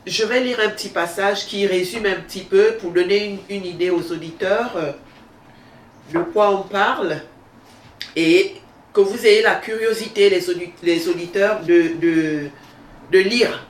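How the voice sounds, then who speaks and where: Woman with a thin, reedy, nasal voice, roomy sound. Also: lowish voice. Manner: halting, repeats phrases for emphasis. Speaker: host of a book show. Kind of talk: unscripted book discussion. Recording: roomy echo, distant mic, faint noise.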